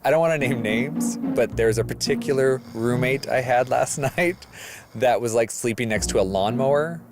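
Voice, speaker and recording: A man's voice: mid-range voice, moderate pace. A man joking playfully as a reality show contestant in a casual interview. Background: music.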